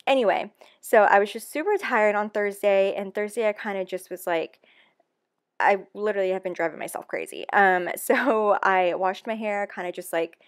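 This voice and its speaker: A young woman, a planner vlogger, narrates a casual, confessional voice-over that's loose and chatty, full of ums and likes. She stays candid and emotional, speaking at a moderate pace with a voice of average pitch for a woman.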